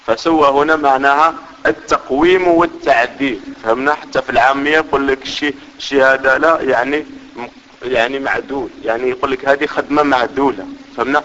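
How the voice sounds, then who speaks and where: Male religious teacher, patient explainer; mid pitch, reverberant hall, dull audio. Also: a bit bright. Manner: explanatory, often checks understanding. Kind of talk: religious lesson. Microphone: microphone.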